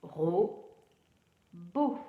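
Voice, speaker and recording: A woman's voice: lowish voice, expressive. Woman, teacher, children's phonics lesson, clapping out syllables, roomy dull recording. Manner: slow, encouraging, syllable by syllable.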